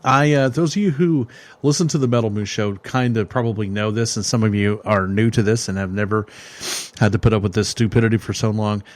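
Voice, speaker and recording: A man with a lowish, fairly quick voice hosts a metal radio show, rambling and joking through song reviews with lots of filler words. His voice is starting to give out as he chats casually about the music.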